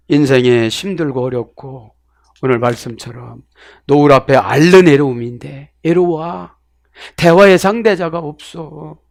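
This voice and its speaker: A middle-aged man preaching with animated swings from loud outbursts to hushed asides. His voice sits a bit high for a man. The sound is dry and close, with no room echo. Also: vocal fry. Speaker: pastor. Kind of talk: sermon with Bible word study.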